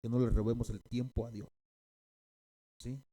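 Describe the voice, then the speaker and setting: A man's voice: medium pitch, flat delivery, moderate pace, background noise. A man preaching a sermon as a pastor, repeating key phrases and often checking in with his listeners.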